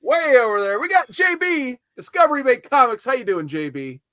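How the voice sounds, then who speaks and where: A man hosting a live comic-book stream, introducing his guests in a lively, upbeat casual chat over a home mic. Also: very high voice, brisk, no room sound, clean studio sound. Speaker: podcast host.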